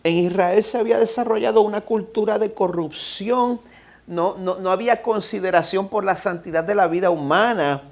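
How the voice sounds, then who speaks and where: A Puerto Rican-accented male pastor preaches a sermon in a slightly high voice. He reads scripture slowly and emphatically. Then he exhorts his listeners directly. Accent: Puerto Rican Spanish. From Puerto Rico. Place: church sanctuary.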